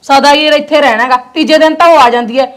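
A woman's voice: sits high, steady tone, quick pace, natural voice. An actress playing a resentful, quarrelsome young wife who nags her husband, with a Punjabi accent. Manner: quarrelsome, nagging.

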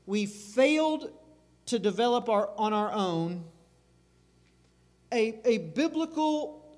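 A man preaching a sermon as pastor, earnest and emphatic, circling back over phrases. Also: high-pitched. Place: church sanctuary. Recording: reverberant church sanctuary.

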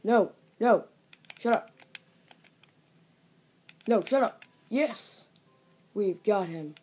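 A woman giving chatty, jokey commentary on her game and talking to viewers, with excitable outbursts as she plays at home. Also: medium pitch, very slow, breathy edge. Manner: excitable outbursts during play. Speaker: gaming video creator. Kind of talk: let's play game commentary.

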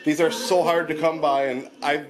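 A man's voice: a little high, flat delivery, normal speed, music in the background, rough recording. A man hosting a spirit box session in a casual, rambling, conversational way, often putting questions out. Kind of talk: casual monologue to camera. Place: indoor room with guitars and amp.

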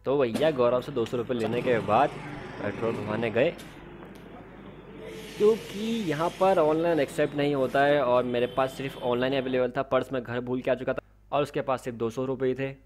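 A man's voice: medium pitch, fairly quick, slight background noise. A man narrating his travel vlog in a casual, chatty storytelling way. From India. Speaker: vlogger narrating.

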